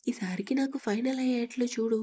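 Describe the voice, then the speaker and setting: An ambitious young fashion designer who speaks earnestly, read by a woman storyteller. The voice is a bit high, with a mellow, husky color. She sounds like a character in an audio storybook. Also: brisk. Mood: pleading.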